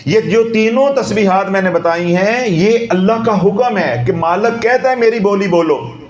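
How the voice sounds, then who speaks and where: A man's voice: sits high, normal speed, reverberant, lo-fi sound. A man giving a sermon as a preacher, repeating phrases for emphasis. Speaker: Islamic preacher. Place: rooftop gathering.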